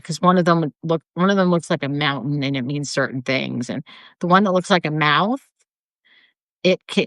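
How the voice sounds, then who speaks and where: A woman in casual chat, explaining slowly with many restarts and fillers. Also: low voice, a bit bright, dry recording. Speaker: co-host.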